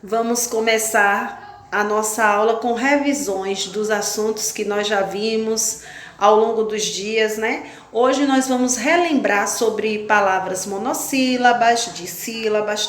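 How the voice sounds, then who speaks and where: A woman with a Brazilian accent teaching a second-grade class, slowly breaking words into syllables. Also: fairly high pitch, roomy sound, a little hiss or hum. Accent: Brazilian Portuguese. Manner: slow, deliberate, spells words out syllable by syllable. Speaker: primary school teacher. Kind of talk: recorded online lesson.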